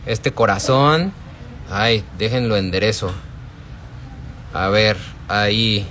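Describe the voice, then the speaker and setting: Brief: Mexican man, live-stream shopping host on a handheld phone, chatty, mid-pitched, faint shop noise behind. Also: a bit bright. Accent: Mexican Spanish. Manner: chatty, addresses viewers by name, answers chat. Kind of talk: casual live-stream product showing. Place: indoors in a wholesale shop. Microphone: phone held at arm's length.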